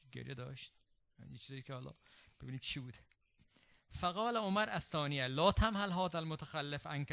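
A man giving a religious lecture, reading Arabic passages and explaining them in casual spoken Persian, with quick asides to his listeners. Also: on the high side, pushed and bright. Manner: quick, conversational asides to the audience. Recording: dull lo-fi recording.

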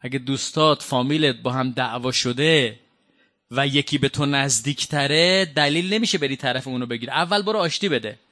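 A man's voice: mid-range voice, sharp tone. A man from Iran preaching a sermon, explaining Quran verses in a conversational way and asking the audience direct questions.

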